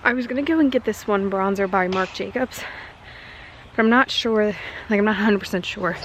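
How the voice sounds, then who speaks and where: A woman's voice: medium pitch, a little fast, fairly bright tone, poor audio. A woman vlogging outdoors in a casual chat to her camera, rambling and correcting herself as she goes. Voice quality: rambling, chatty, self-correcting. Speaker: beauty vlogger. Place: outdoors, walking and at a backyard swing. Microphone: camera mic, handheld then on a tripod. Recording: outdoor noise behind the voice.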